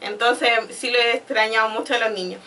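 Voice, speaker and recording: A woman's voice: on the high side, fairly even intonation, fairly quick, sharp tone, slight background noise. A woman, a speech therapist, explaining patiently as an interview guest. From Chile. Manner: patient, explanatory, acts out child talk. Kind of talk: conversational explanation. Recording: voice from far off.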